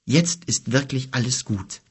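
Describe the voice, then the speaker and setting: A man's voice: mid-range voice, expressive, a little slow, husky. A man voicing an earnest young boy who asks eager questions in a raised voice. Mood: eager, questioning.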